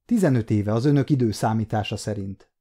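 A man voicing a timid, easily shaken alien interrogator who speaks in a quiet, formal, subdued way, in a storybook reading. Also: lowish voice, breathy edge.

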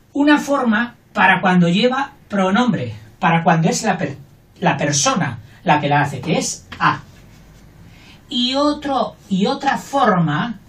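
A man's voice: sits high, distant mic. Older male teacher, chatty and playful, recorded off-mic in an echoey room. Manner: chatty, playful, acts out everyday scenes. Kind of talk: casual grammar lesson. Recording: roomy, voice from off the mic.

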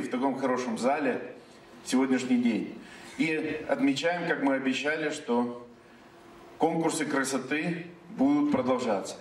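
A man delivering a congratulatory public speech as an official, phrase by phrase and a little haltingly. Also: mid-range voice. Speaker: head of town district giving greeting. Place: large theatre stage, indoors. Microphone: handheld stage mic, heard from a far camera. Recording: echoey hall from far off, faint noise.

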